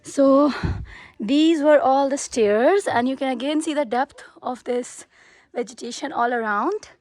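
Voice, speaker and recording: A woman's voice: sits high, measured pace, a little mellow. A woman narrating a casual travel vlog outdoors into a handheld phone, chatty and upbeat, with many fillers and restarts. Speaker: travel vlogger. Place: outdoors, walking around a hilltop castle and lake.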